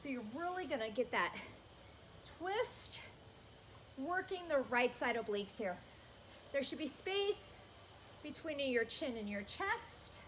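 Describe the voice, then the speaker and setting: Female workout coach, energetic cueing and counting, high bright voice, some background noise. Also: a little slow, pauses often. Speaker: fitness instructor. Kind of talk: workout instruction.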